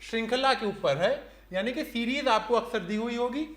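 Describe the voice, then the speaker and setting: A man gives an online reasoning lesson. His voice sits high and he explains each step slowly and clearly. The recording has an echoey, roomy sound. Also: a bit bright. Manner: explains step by step, counting aloud, fillers like "theek hai". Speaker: reasoning teacher. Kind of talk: online exam-prep lecture.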